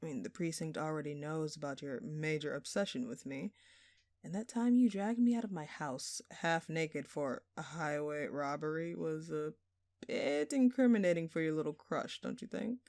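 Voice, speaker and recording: In an audio roleplay addressed to the listener, a woman plays a smug thief who flirts obnoxiously, drawling and teasing in a sultry, mock-innocent way. Her voice is deep and a little mellow, at a moderate pace, recorded in studio quality with no echo.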